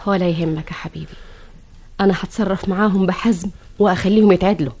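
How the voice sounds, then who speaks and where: A woman's voice: a little high, lively intonation, rapid-fire. An actress with an Egyptian accent playing a bossy widowed mother in an old radio drama, scolding and insistent. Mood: coy. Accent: Egyptian Arabic.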